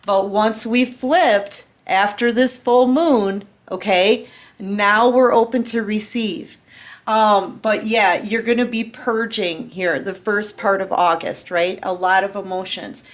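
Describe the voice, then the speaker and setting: A woman's voice: medium pitch, slow. Earnest woman in her fifties giving a tarot reading. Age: 50s. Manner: earnest, repeats "okay?" and "right?" often. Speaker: tarot reader. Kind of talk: casual spiritual reading to camera.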